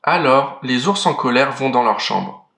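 A man reading a children's story aloud, clear and expressive. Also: mid-range voice, unhurried, slight background noise. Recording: roomy echo.

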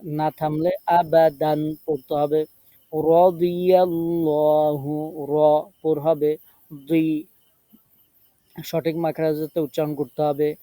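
A man teaching tajweed online, chanting verses in long drawn-out phrases and breaking them into repeated syllables. His voice sits a little high yet sounds deep and mellow, unhurried on the whole. It comes across close and dry, with no room around it. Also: flat delivery, no echo. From Bangladesh. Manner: drawn-out chanted recitation between clipped instructions; repeats syllables to drill pronunciation. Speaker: Quran recitation teacher.

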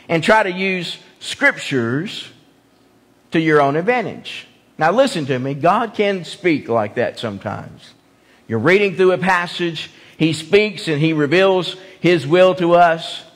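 A man's voice: sits high, lively intonation, slow, a bit bright. A man preaching an evening sermon, emphatic, repeating key phrases and putting questions to the congregation. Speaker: pastor. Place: church sanctuary. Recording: long church reverb.

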